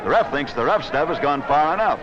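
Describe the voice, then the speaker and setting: This scripted 1940s newsreel wrestling commentary comes from a man with a fairly high voice, lively intonation, and a brisk delivery. He's wisecracking and theatrical, leaning on slang, and the old 16mm soundtrack sounds noisy and dull.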